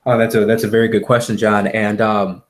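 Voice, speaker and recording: Male, lowish voice, Upper Midwest American accent, conversational sales pitch, halting, repetitive, agreeable. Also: level tone. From Wisconsin, United States. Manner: halting, repeats words, agreeable. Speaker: real estate seller pitching to a homeowner. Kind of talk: conversational phone sales call.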